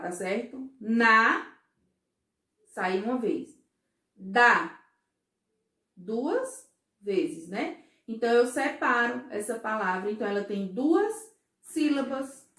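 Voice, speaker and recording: Slow, patient teacher woman. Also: a little high, echoey room. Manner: slow, patient, syllable-by-syllable explaining; frequent checking questions to pupils. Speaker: first-grade teacher. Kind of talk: recorded remote class for children.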